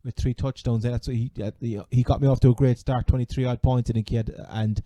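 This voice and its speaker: A man with a Cork Irish accent chatting casually as a sports podcast host, halting and repeating words as he goes. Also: medium pitch, steady tone, warm tone, no echo. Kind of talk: casual fantasy American football chat.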